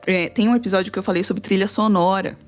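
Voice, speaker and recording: Animated woman telling stories on a podcast. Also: mid-range voice, fast talker, dull audio, faint music behind. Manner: animated storytelling, acts out quoted dialogue, laughs easily. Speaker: psychologist and podcast host guest. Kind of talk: casual podcast conversation.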